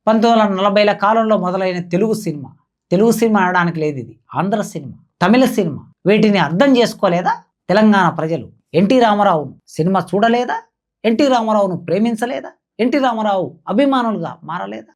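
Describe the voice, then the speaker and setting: A woman's voice: medium pitch, darkish tone. A woman giving impassioned spoken commentary, declaiming and piling up rhetorical questions like a political commentator.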